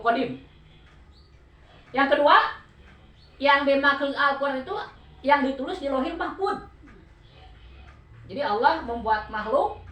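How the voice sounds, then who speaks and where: High-voiced woman teaching, Sundanese accent. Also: pushed and bright. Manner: explains patiently, often asks listeners for answers. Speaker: religious teacher. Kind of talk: Quran study talk to a women's group. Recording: echoey room, voice heard from a distance.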